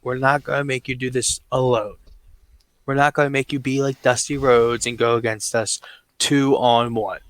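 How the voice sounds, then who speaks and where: A man voicing a calm male wrestling authority figure making a match announcement. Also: medium pitch, normal speed, dry recording, lightly acted. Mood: reassuring.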